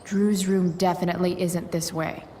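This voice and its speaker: A woman's voice: fairly low pitch, flat delivery, moderate pace, a little mellow, slight background noise, lightly acted. A woman playing a sardonic, rebellious teenage girl in a video game, talking in sarcastic, casual slang. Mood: wry.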